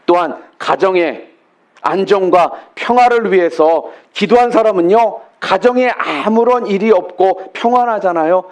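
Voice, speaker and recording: Brief: man with a high voice, pastor giving a sermon from the pulpit, asks the church rhetorical questions, acts out little prayers. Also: measured pace. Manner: asks the congregation questions and answers them; acts out short prayers and complaints in quoted voices.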